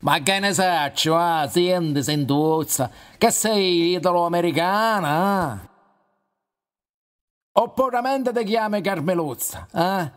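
An actor playing a male talking confessional, a teasing uncle figure who drawls and mocks. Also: high-pitched. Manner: teasing, dialect-flavored, drawn-out.

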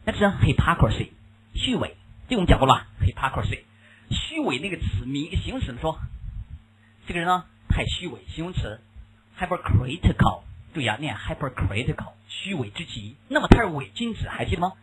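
A man with a Mandarin Chinese accent lectures a class on English vocabulary, switching between Chinese and English. His voice is husky and a bit high, and it swings widely in pitch as he keeps firing questions at his students. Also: big pitch swings, fast, a bit bright, poor audio. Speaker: English teacher.

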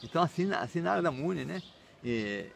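Spiritual teacher, male, gravelly and a touch high, loose chatty storytelling, faint outdoor bird ambience. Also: brisk, slight background noise. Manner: relaxed, conversational, many fillers and restarts. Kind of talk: casual storytelling sermon.

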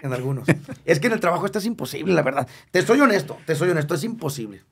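A Mexican man in his fifties with a husky, slightly raised voice. He talks openly and with feeling as an interview guest. He jokes easily and leans on repeated words to drive a point home. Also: on the high side, animated, fast talker. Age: 50s. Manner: emotional, candid, jokey, repeats words for emphasis. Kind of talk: candid casual interview.

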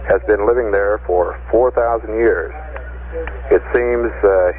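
Guy at mission control on a crackly space radio, lowish voice, tinny and hissy, lots of uh's. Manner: plain, matter-of-fact reading with frequent uh fillers. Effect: crackling space radio link. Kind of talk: radio news briefing to astronauts.

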